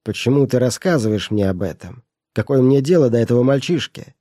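A man's voice: medium pitch, moderate pace, dark tone, no echo, studio quality, close to an everyday voice. A man doing Bulemann, a curt harsh miser. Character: cold, stingy old male pawnbroker.

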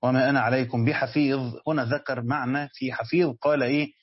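In a dull, echo-free recording, a man with an Egyptian Arabic accent teaches a lesson on Quran commentary. He questions his students, then supplies the answers himself. His husky voice is medium-pitched, fairly even in intonation and quick.

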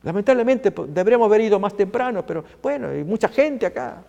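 Brief: preacher doing a grieving uncle in a sermon retelling, lively and doubting. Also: male voice, fast, creaky, long reverb tail, muffled recording. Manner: pleading, disbelieving, raised pitch. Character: grieving skeptical uncle of a dead girl.

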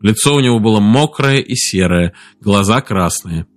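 Steady male audiobook narrator. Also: lowish voice. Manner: steady, measured storytelling.

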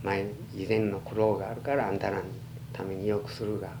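An elderly man from Japan with a western Japanese Chugoku accent, reminiscing in a halting, plain-spoken way in an oral history interview. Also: lowish voice, flat delivery. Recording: noisy archival tape with hum.

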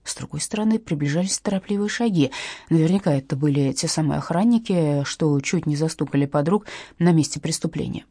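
A woman giving a lively, expressive audiobook narration on a close mic. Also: deep voice, fairly quick, husky, dry recording.

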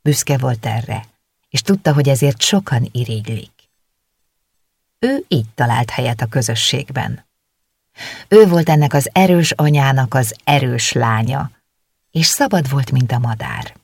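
An audiobook narrator telling a novel in a calm, steady way. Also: mid-range voice, gravelly, long pauses, slightly rough, dry recording. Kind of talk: scripted narration. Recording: dry close recording.

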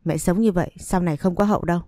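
Stubborn, lovesick young man in an audio story, read by a woman, low mellow tone. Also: racing, no echo, clean studio sound, lightly acted. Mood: pleading.

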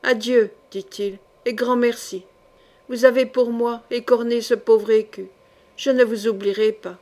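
Une femme lisant un livre audio prête sa voix à un jeune chevalier noble, fier et passionné, aux éclats pressants. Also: female voice, on the high side, fairly even intonation, a little slow, a little mellow. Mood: gruff. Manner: urgent, pleading outbursts. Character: young nobleman knight, proud and passionate. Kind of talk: audiobook character reading.

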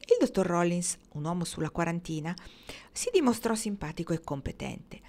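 A woman reading a historical novel aloud in a calm, measured storytelling manner. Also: on the low side. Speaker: audiobook reader.

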